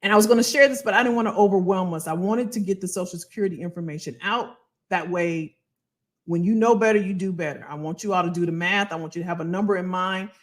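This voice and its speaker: A woman hosting a casual livestream as a financial coach, animated and colloquial, repeating phrases for emphasis. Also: fairly low pitch, quick pace. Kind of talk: casual livestream talk to viewers.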